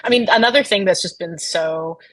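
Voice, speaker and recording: A woman's voice: fairly low pitch, brisk, a bit bright. A woman author chatting casually in an interview, enthusiastic and repeating words as she thinks. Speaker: author guest.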